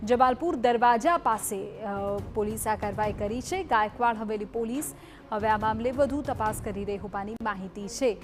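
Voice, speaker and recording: Woman news anchor, slightly high voice, formal, faint music bed behind. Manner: measured, formal delivery with brief hesitations. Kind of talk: news reading.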